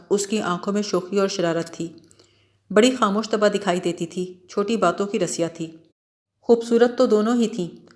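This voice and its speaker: Calm woman reading an audiobook. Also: medium pitch. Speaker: audiobook narrator. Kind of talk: scripted literary narration.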